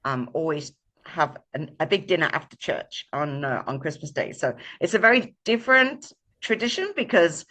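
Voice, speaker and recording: A woman sharing a personal story as a guest on a video call, talking casually and pausing often with ums and uhs. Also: deep voice, expressive, sharp tone. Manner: halting, many ums and uhs. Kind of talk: casual sharing on a live show.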